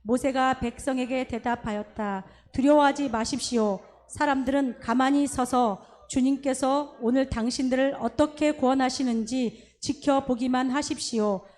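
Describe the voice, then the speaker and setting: A woman reading a scripture passage aloud in a steady, even way. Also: high voice, normal speed, hardly any pauses. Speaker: scripture reader.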